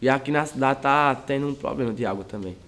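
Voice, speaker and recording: Teenage high school student, hesitant. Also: male voice, fast talker, fairly bright tone. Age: teens. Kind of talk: interview answers.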